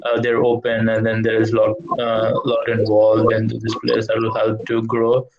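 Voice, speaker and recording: A man from India, a software engineer, chatting on a video call in a hesitant, rambling way. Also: fairly low pitch, completely flat delivery, normal speed, creaky. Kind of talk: casual chat on video call. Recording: dull lo-fi call audio with faint noise.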